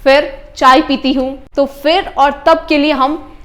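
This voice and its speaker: High-voiced woman teaching English. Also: steady tone. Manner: slow, careful dictation of example sentences; spells words out letter by letter. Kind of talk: explaining English grammar to learners.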